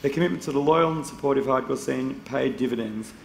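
A man moderating a conference panel, relaxed and chatty as he reads out a prepared introduction. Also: mid-range voice, quick pace, vocal fry. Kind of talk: moderating a panel, reading a guest bio. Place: indoor conference stage. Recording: roomy hall with faint noise.

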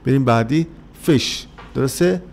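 A man teaching an English workbook lesson to children, speaking Persian with a Persian accent and drilling words and letters slowly, one by one. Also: mid-range voice, gravelly, a little mellow.

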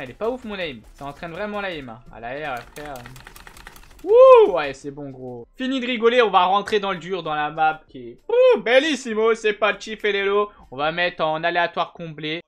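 High-voiced young man, slangy gaming tutorial. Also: brisk, hardly any pauses. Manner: slangy and chatty, with bursts of excited shouting. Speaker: gaming channel host. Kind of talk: casual gameplay tutorial.

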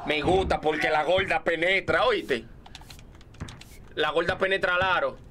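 A man with a Dominican accent bantering casually during a game livestream, with animated, repeated calls. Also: fairly high pitch, a little slow, a little hiss or hum. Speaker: livestream co-host. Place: indoor streaming room, game music behind.

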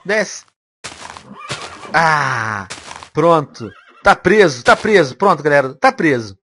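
A young man with a Brazilian accent commentating a game he is playing, animated and quick to squeal and laugh. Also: a little high, slight background noise. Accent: Brazilian Portuguese. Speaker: gaming video host.

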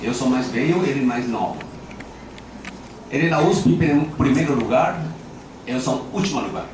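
In a large hall with an audience, the older man keeps up his relaxed acupuncture lecture in Japanese-accented Portuguese, speaking into a handheld mic. His mid-range voice is lively and runs at normal speed, and his stories are playful and self-deprecating. Echo and background noise come through, since the camera sits at a distance.

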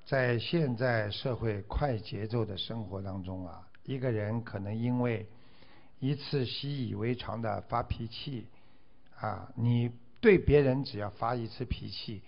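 Man preaching a buddhist talk real slow, gravelly voice, keeps saying remember this, dull lo-fi sound. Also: fairly low pitch. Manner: exhorting, with drawn-out 'ah' particles and repeated 'remember this'. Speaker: Buddhist teacher giving a dharma talk. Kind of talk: sermon. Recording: dull lo-fi recording.

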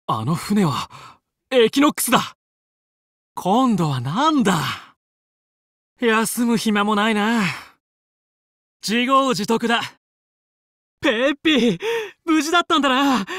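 A man's voice: high-pitched, fairly bright tone, dry recording, studio quality. A male actor playing a confident, heroic young fox who leads a team of space pilots in a video game, with cool, resolute, clipped delivery. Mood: tense, concerned. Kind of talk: Japanese video game battle voice lines.

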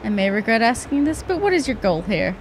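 A woman voicing a stern, composed young queen from a fantasy video game, formal and measured. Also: on the high side, very animated, slight background noise. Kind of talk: reading game dialogue aloud.

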